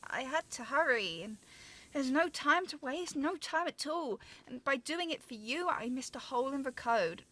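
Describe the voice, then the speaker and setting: Playing the guilt-stricken younger sister, a scientist who blames herself, this woman performs amateur radio drama with anguished, urgent pleading. Her voice is high-pitched, pushed and bright, with lively intonation at a normal speed.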